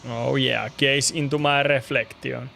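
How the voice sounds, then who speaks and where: A man's voice: medium pitch, fairly even intonation, a little slow, vocal fry, sharp tone. A native Finnish man giving casual let's play commentary in short, murmured reactions. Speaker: gamer doing a playthrough. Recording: faint background noise.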